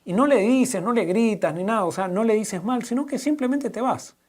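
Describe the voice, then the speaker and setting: A male pastor, answering a question in a conversational sermon, often pausing and restarting as he works through everyday examples. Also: sits high. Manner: halting, with many restarts and fillers, giving everyday examples.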